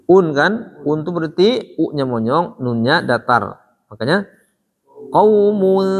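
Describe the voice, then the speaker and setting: A man with an Indonesian accent leads a Quran recitation lesson, his voice pitched high with a gravelly edge. He speaks slowly and models each sound again and again for his students, heard in a hall with a long reverb and faint music behind. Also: a bit bright.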